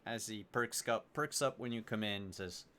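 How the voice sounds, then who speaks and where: A man's voice: on the low side, normal speed, bright, forceful tone, a little hiss or hum. A man narrating a tabletop role-playing game as game master, improvising descriptions as he goes.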